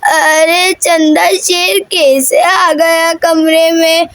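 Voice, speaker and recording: A woman plays a frail old grandmother in a doll story, dragging out each word in a worried tone. The voice sits very high for an old woman. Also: little pitch movement, fairly bright tone, no echo, exaggerated voice. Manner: drawn-out, slow, worried.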